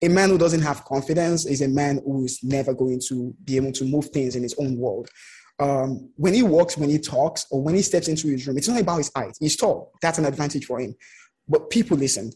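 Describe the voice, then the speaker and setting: A man from outside the United States, an interview guest, tells personal stories conversationally in an animated way, acting out the remarks he quotes. His medium-pitched voice is husky and fairly quick, and the audio is poor.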